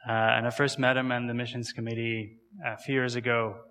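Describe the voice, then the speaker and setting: A man's voice: medium pitch, level tone, brisk, sharp tone, smooth, in a large hall. A man in his thirties from Kazakhstan, with an accent from there, giving a conversational guest sermon in a church and asking the audience questions. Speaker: guest missionary speaker.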